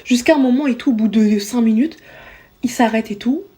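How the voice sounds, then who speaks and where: A woman's voice: on the high side, brisk, mellow. A young adult woman telling a story in a storytime vlog, slangy and chatty, talking straight to her viewers. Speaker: vlogger.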